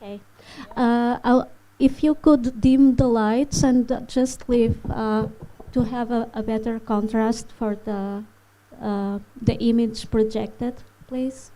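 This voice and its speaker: A Portuguese animation filmmaker gives a masterclass to a live audience in a festival hall, speaking slowly and hesitantly with many fillers and non-native phrasing. Her voice is a little high, mellow and fairly even, though the recording is rough.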